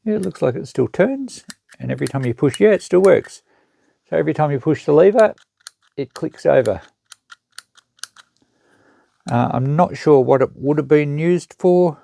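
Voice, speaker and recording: A warm-toned, somewhat high male voice with vocal fry belongs to an Australian unboxing-channel host and secondhand shop seller. Animated and at normal speed, he thinks aloud and shows items in casual, matter-of-fact, unscripted show-and-tell commentary.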